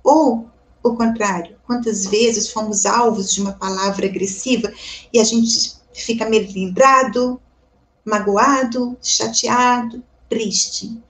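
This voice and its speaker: A woman with a Brazilian accent giving a devotional Spiritist reflection, calm and reflective, often asking her listeners questions. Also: a little high, takes it slowly. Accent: Brazilian Portuguese. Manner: calm, reflective, asks the audience rhetorical questions; addresses listeners warmly as "gente". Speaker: Spiritist lecturer.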